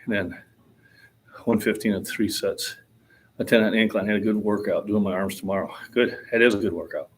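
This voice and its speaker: Casual gym vlog talk from a fitness vlogger in his sixties, who rambles plainly about his lifting and laughs easily. His fairly low voice keeps a steady tone at normal speed, with slight background noise.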